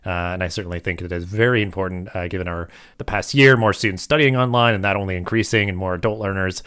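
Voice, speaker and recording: A man hosting a podcast interview in a relaxed, casual way, with lots of filler words. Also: deep voice, fast talker, clear, resonant tone, no room sound, clean studio sound. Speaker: podcast host.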